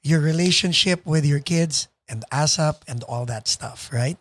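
A podcast host with a Filipino accent and a fairly high voice interviews a guest casually and attentively, slipping in short affirmations at a slightly slow pace. The recording is dry, with no room echo.

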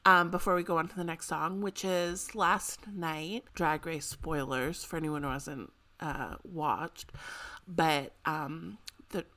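A young woman co-hosting a podcast in casual chat, excitable and chatty, often giggling. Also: low voice, takes it slowly. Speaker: podcast co-host.

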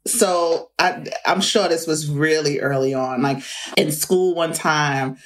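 A middle-aged woman guest telling animated personal anecdotes in casual conversation, laughing often. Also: deep voice, slow. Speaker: interview guest, author. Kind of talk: conversational storytelling.

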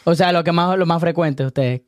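A man giving dating advice in a casual podcast chat, animated and lecturing, often laughing as he talks. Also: fairly high pitch, brisk, dry recording, clean studio sound.

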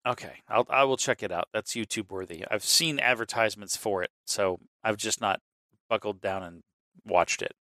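A man's voice: lowish voice, no room sound. A man co-hosting a casual movie chat, rambling and swearing as he tells scenes. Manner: rambling, profane, animated storytelling. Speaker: podcast co-host.

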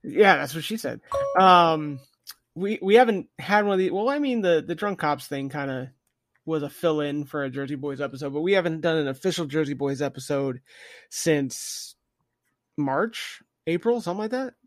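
A man's voice: on the high side, animated, moderate pace, no echo, studio quality. A man hosting a podcast in a casual, chatty style. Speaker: podcast host.

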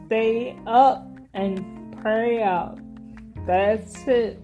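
A woman's voice: fairly high pitch, drawn-out words, warm tone, lo-fi sound. A woman guest in a casual chat, answering briefly and plainly. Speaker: interview guest, the host's sister. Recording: music playing behind the voice. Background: plucked guitar music.

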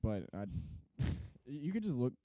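A man's voice: mid-range voice, very animated, unhurried, mellow, dry recording. A young man co-hosting a casual chat, blunt and offhand, with some swearing. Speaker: podcast co-host.

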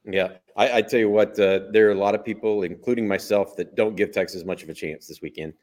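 A man's voice: fairly low pitch, steady tone, fast talker, darkish tone. A man hosting a sports talk show, chatting and putting questions to his co-host. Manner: conversational, asks guest questions.

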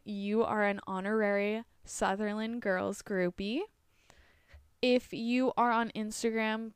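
A woman podcast host speaking slowly and casually, with a very clean, clear voice. Her friendly, chatty manner is full of little fillers. The recording is dry and close to the mic. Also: mid-range voice, no echo.

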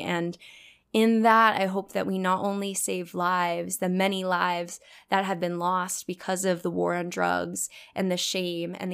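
A woman's voice: lowish voice, smooth. A woman hosting a podcast, speaking earnestly and affirming her guest in a casual interview. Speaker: podcast host.

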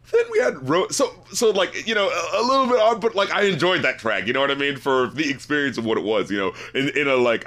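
A man co-hosting an album review podcast in casual chat, animated and quizzical, nitpicking word choices and laughing often. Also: mid-range voice.

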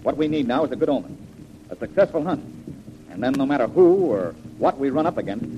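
Guy acting confident jungle hunter from an old radio serial, brisk n animated, muffled super noisy recording. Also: medium pitch, lightly acted. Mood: confident, rousing.

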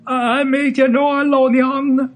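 A man's voice: very high-pitched, level tone, voice pushed up. A man voicing a grieving younger son who wails and pleads through tears. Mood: anguished. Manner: wailing, drawn-out tearful pleading. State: crying.

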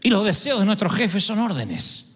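A man preaching a sermon as pastor, an expressive storyteller who acts out the dialogue. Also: high voice, moderate pace. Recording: long hall reverb.

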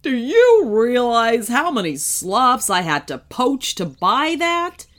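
A sneering, angry scruffy poacher, put on by a woman reading a children's story. He drags his words out slowly and lets his pitch swoop widely as he snarls threats. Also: sing-song, fairly bright tone, exaggerated voice. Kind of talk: storybook read-aloud.

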